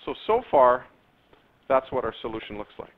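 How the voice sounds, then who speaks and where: Lively male math teacher, tinny recording. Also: mid-range voice, moderate pace. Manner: lively, stretches words, spikes up on key terms; addresses students directly. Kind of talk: classroom lesson recording. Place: classroom. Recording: tinny lo-fi phone-like classroom recording, faint noise.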